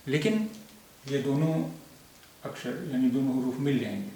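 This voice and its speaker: A man teaching a language lesson, explaining patiently and repeating each sound and example slowly. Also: medium pitch, lively intonation, warm tone. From India. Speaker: Urdu teacher. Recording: echoey room, distant mic, faint hiss.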